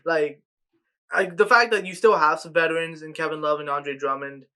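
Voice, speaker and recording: A man's voice: on the high side, fairly even intonation, moderate pace, bright, forceful tone, smooth. A man co-hosting a casual sports podcast, ranting with lots of fillers and restarts. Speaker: podcast co-host.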